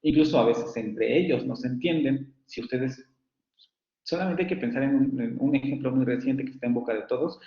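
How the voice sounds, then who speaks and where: A man teaches a university phonetics class in a recorded online lecture, explaining at length and modeling sample words aloud. His mid-range voice is mellow and fairly quick, and the sound is roomy, dull and lo-fi.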